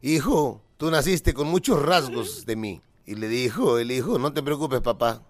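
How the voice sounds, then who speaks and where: A man's voice: medium pitch, moderate pace, dry recording. A man telling jokes on a radio show and acting out each character in the story. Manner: animated, acts out characters' voices. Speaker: joke teller.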